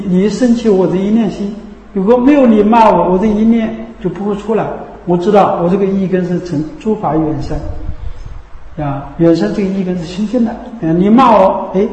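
Preaching a Buddhist sermon, this man has a high, slightly mellow voice. He goes over points repeatedly and poses rhetorical questions to check that his listeners are following, all in an echoey hall.

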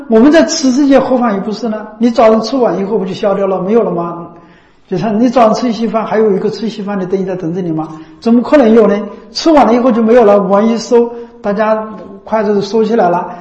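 A man delivers a Buddhist dharma talk in a high, mellow voice, returning again and again to the same phrases and tagging points with rhetorical questions. The sound is roomy and a little dull. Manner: repetitive, asks frequent rhetorical tag questions. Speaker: Buddhist teacher. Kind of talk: dharma talk to a lay audience. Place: Buddha recitation hall. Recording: roomy, slightly dull recording.

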